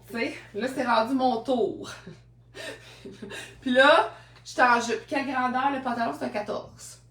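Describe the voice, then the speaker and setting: Selling second-hand clothes on a live stream, a Québécois French-accented woman keeps up a chatty, story-filled patter with frequent laughter. Her voice is a little high and a bit bright, picked up from far away with a roomy quality.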